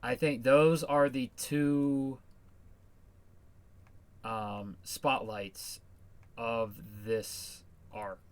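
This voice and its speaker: A man's voice: mid-range voice, steady tone, drawn-out words, long pauses. A man hosting a casual podcast chat, laid-back and hesitant, with many fillers. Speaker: podcast host.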